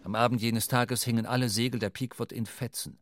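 A man narrating a radio drama in a measured, vivid storytelling manner. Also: medium pitch, little pitch movement, noisy background.

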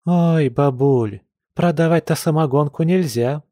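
A man's voice: on the high side, moderate pace, warm tone, dry recording, clean studio sound, close to an everyday voice. A man voicing an ironic, sceptical young woman in an audiobook, lightly raised from his own voice. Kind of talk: audiobook character voice.

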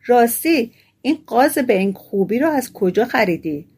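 A woman's voice: a little high, animated, darkish tone, husky. A woman reading the part of a gullible, cheerful young peasant man in a storybook tale. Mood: eager. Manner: gullible, delighted exclamations.

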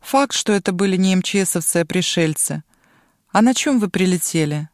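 A woman's voice: lowish voice, lively intonation, moderate pace, dry recording, studio quality, lightly acted. A woman voicing a brash, bossy girl turned into a dragon, mocking and domineering. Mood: menacing.

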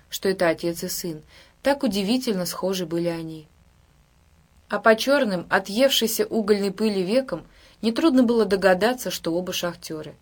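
An audiobook reader, a woman with a medium-pitched voice, narrates a book from a script. Her storytelling is measured and even.

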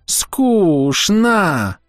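A spoiled little girl in full tantrum, as a male narrator puts her on. She whines in a strained, squeaky pitch and drags her words out. It is a dry, close audiobook read. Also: sing-song, drawn-out words, dry recording, soft background music, full character voice. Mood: whining. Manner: wailing, whiny.

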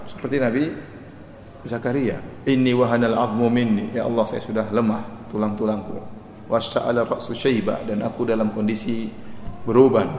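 A man preaching a sermon to an audience in a lecture hall, animated and quick, mimicking overdone prayers in a sing-song voice. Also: medium pitch. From Indonesia. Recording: echoey hall, long reverb, faint noise.

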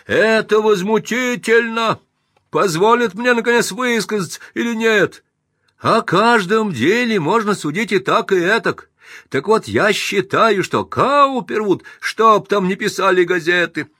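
A man voicing a flustered middle-aged alderman who protests in a high, shouting voice before an angry crowd. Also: animated, normal speed, no room sound, clean studio sound, exaggerated voice. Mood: frantic protest.

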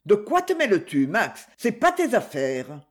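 A reader voicing a brutish, burly man from a bar who talks gruffly and threatens in an audiobook. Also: mid-range voice, wildly swooping pitch, measured pace. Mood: threatening. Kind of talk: audiobook reading.

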